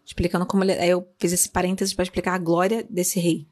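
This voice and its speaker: Brazilian woman, slightly low voice, translating a religious story live, hesitant and self-correcting. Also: level tone, fast, a little mellow. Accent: Brazilian Portuguese. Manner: hesitant, self-correcting, apologizing for lost words. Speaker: interpreter of a spiritual talk. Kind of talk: retelling a sacred story in translation.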